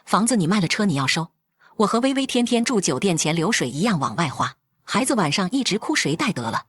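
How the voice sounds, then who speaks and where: A woman's voice: medium pitch, big pitch swings, brisk, breathy edge, dry recording, clean studio sound. A woman voicing a sullen, resentful grown son who speaks in a hard, defensive tone. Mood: defiant.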